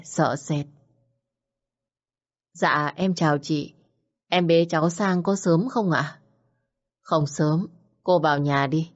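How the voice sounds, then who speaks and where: A woman storyteller reading a dramatic story in a measured, scripted narration. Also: deep voice, lo-fi sound.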